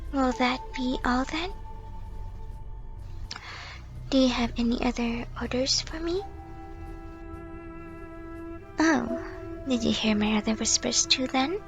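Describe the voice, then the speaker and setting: A woman playing a timid, self-loathing young female stalker in an ASMR role-play, sweet and eerily obsessive, rambling with nervous apologies. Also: sits high. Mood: coy, devoted.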